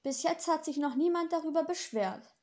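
A woman reading as a polite, earnest male angel in an audiobook. He sounds sincere and a little wounded. His voice sits high and lifted. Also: normal speed, a little mellow, close to an everyday voice. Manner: polite, earnest, a bit hurt. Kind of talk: audiobook dialogue.

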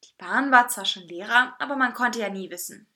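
Woman, story reading, high voice, lively melody, very bright tone. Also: a little fast. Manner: lively, expressive narration. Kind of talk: first-person story reading.

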